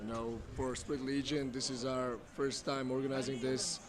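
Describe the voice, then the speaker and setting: A man with a mid-pitched voice, modest and slightly hesitant, picked up from some way off the mic. A lively crowd is heard clearly behind him outdoors. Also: normal speed, far from the mic. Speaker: club president, guest. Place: outdoors at a sports field.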